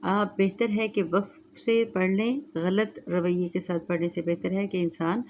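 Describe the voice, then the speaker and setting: A woman teaching Quran recitation rules, chanting verses slowly and then explaining each rule calmly, with an Urdu accent. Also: lowish voice, a little hiss or hum. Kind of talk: tajweed lesson, slow recitation then explanation.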